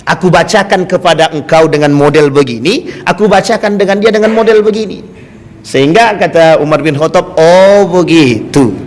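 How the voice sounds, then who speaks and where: A man's voice: sits high, a little fast, a little hiss or hum. A male Islamic preacher giving a sermon, speaking directly to the congregation and telling stories through questions. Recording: long hall reverb.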